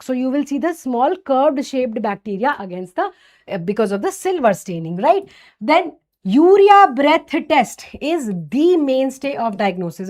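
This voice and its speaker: High-pitched North Indian woman lecturer. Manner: didactic, asks and answers own questions, frequent check-in tags like okay and right; mixes Hindi phrases into English. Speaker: medical lecturer. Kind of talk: exam-focused microbiology lesson.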